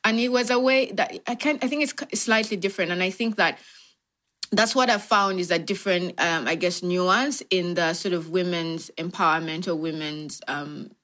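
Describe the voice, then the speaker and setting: A young woman from Uganda speaks as an interview guest, with a voice a little lower than most women's. She talks in a reflective way, circling back with fillers and restarts as she thinks. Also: moderate pace, fairly bright tone. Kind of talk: thoughtful interview answers.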